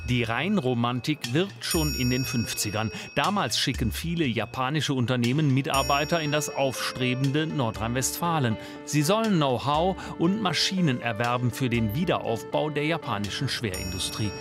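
A man narrating a scripted television news report in a measured, even way. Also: mid-range voice. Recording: voice-over with music underneath.

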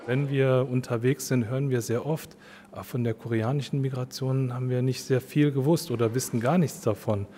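A man speaks earnestly about his exhibition, his voice dark and mellow. He is recorded in a reverberant room, with faint background noise beneath him. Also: mid-range voice, steady tone, moderate pace, a faint crowd. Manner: earnest, reflective. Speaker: exhibition organizer. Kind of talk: interview statement.

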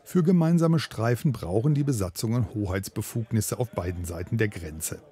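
Guy reading a news report, deep-ish, warm tone, calm. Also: moderate pace. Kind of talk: scripted news voice-over.

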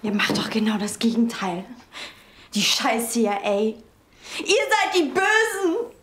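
An actress playing a defiant, distrustful teenage daughter in a screen drama. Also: female voice, sits high, very animated, measured pace, roomy sound, exaggerated voice. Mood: bitterly accusing.

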